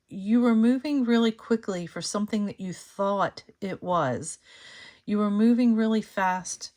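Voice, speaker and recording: A woman with a medium-pitched voice, a little hoarse because she's losing it, gives a casual tarot reading to camera on her own channel. She thinks out loud, full of fillers and restarts.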